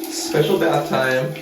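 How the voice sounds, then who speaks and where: A man talking baby talk to his pet gosling, cooing, doting and laughing often. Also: fairly high pitch.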